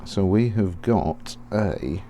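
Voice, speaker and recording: A fountain pen reviewer with a very low, mellow voice talks slowly and casually through a product unboxing, rambling and correcting himself. He keeps clearing his throat and sounds slightly hoarse because he's losing his voice. There's a little hiss or hum in the recording.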